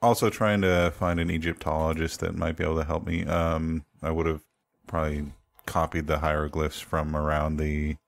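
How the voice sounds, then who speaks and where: A man's voice: rumbling low, little pitch movement, moderate pace, gravelly, few pauses. A man playing a tabletop game, hesitant and thinking aloud. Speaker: player. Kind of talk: casual tabletop game play.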